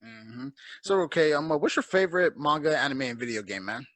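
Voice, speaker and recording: Fast, bright-voiced podcast host guy. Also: fairly high pitch, expressive, no room sound. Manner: friendly, insistent, says bro a lot. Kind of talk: casual chat.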